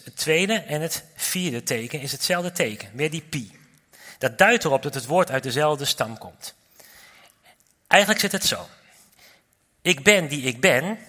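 A man's voice: medium pitch, sharp tone, in a large hall. A man giving a sermon, explaining a Bible passage in a teaching manner with chatty asides to his listeners. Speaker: preacher.

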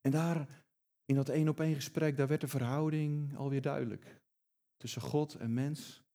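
A man's voice: a little high, steady tone, moderate pace, dark tone. A man preaching a sermon, emphatic and often repeating words as he builds his points.

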